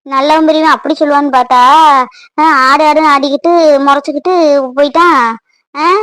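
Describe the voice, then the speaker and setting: A woman's voice: sits high, steady tone, brisk, fairly bright tone, no room sound, low-quality recording. Woman voicing a blunt, scolding village mother. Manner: scolding, bossy questioning.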